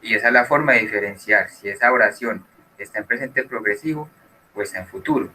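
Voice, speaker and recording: A man's voice: lowish voice, a little fast, bright, forceful tone, a little hiss or hum, low-quality recording. A man teaching an English class who explains patiently and switches between Spanish and English.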